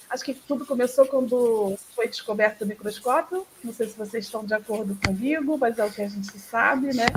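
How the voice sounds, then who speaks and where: A woman's voice: fairly high pitch, noisy background. A woman with a Brazilian Portuguese accent hosting a live online talk, chatty and full of tag questions. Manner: chatty, frequent tag questions, laughs often. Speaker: host.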